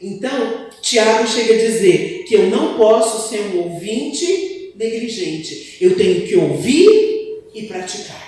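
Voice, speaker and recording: A woman's voice: fairly high pitch, unhurried. Woman preaching in an echoey church hall. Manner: animated, asks the congregation for replies. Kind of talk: church sermon with call-and-response. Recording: echoey hall, distant mic.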